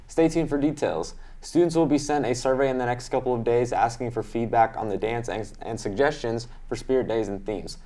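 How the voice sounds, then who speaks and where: A man's voice: mid-range voice, brisk, few pauses, warm tone. Upbeat teen boy co-anchor. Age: teens. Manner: upbeat reading with restarts. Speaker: student news co-anchor. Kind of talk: reading school announcements. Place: school studio.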